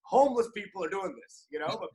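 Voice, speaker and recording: Energetic, profane comedian, high-pitched man. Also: fast, rough recording. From Dallas, USA. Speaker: guest comedian. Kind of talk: casual podcast chat.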